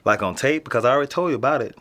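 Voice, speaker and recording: Talking very fast with a mid-range, slightly bright voice, a young American actor lightly performs the part of a casual teen living in an apartment building. The slangy, streetwise boy stays nonchalant while being interviewed in a naturalistic audio drama.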